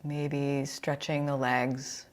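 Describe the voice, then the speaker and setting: A yoga instructor guides a relaxation session, her extremely low, level voice soothing and unhurried, with pauses between phrases.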